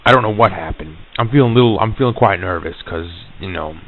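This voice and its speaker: A man's voice: lowish voice, quick pace. A man telling a personal ghost story in a rambling, folksy, profane way with many restarts, recorded on lo-fi reel-to-reel tape.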